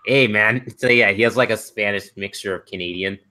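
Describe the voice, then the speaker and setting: A man's voice: lowish voice, fairly even intonation, fast, pushed and bright. A young man hosting a casual stream chat, rambling with lots of fillers. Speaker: stream host.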